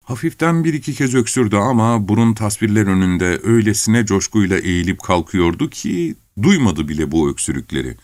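A man reading a story aloud as narrator, in a measured, unhurried way with deliberate pauses. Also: on the low side, very animated, darkish tone, no room sound. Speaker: audiobook narrator.

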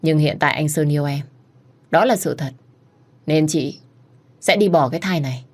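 A low-voiced scheming young woman, pleading one moment and calmly calculating the next, as a woman reads her out. It is an audiobook rival figure in a romance story. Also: normal speed. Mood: confiding.

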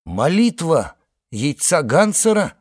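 A man narrating an audiobook in an expressive, theatrical reading. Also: fairly high pitch, slow, no echo, studio quality.

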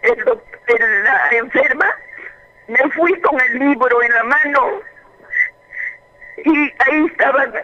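A woman calling in to a radio show, telling her story in a fervent, halting, repetitive way. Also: high-pitched, sharp tone. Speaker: radio call-in caller. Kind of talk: emotional personal testimony. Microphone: telephone. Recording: muffled phone line on AM radio.

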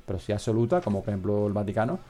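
A man's voice: on the low side, animated, very fast, warm tone. A man hosting a casual comedic radio chat, rambling and joking and often trailing off mid-sentence. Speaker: podcast host.

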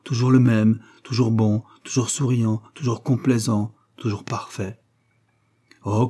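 A man reading the part of a young woman confessing an affair to her sister, in a soft, wistful audiobook delivery. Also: medium pitch, slightly rough, natural voice.

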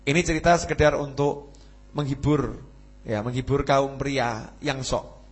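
A man preaching a sermon as a lively, joking storyteller. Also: medium pitch, unhurried, husky.

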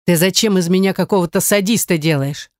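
A gruff young man with a short temper barks his orders in a growling voice, as the audiobook narrator puts him on. His voice is recorded dry and close. It is a storybook reading. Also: mid-range voice, fairly quick, no echo, lightly acted. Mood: angry. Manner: growling, commanding. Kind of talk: audiobook dialogue.

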